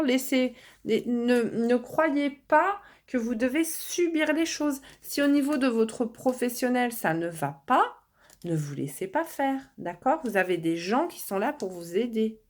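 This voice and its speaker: A woman's voice: high voice, lively intonation, unhurried. A woman from France giving casual, reassuring tarot guidance to viewers, with lots of fillers and restarts. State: losing her voice. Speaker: tarot card reader. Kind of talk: casual card-reading guidance.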